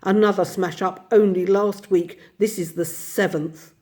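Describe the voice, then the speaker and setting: A woman voicing a brisk, practical male water rat who speaks eagerly and earnestly, in a storybook reading. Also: mid-range voice, fairly even intonation, a little mellow, close to an everyday voice.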